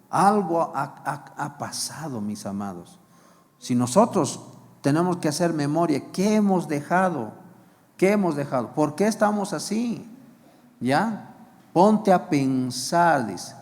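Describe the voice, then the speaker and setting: A man preaching a sermon in a church hall, his voice sitting a bit high and carried with long reverb. He speaks slowly and deliberately, keeps posing rhetorical questions and repeats his key phrases as a pastor does. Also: animated, darkish tone.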